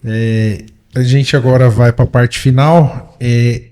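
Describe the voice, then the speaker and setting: A man's voice: medium pitch, steady tone, takes it slowly, dark tone. Brazilian man hosting a podcast. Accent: Brazilian Portuguese. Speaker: podcast host. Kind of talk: casual podcast chat.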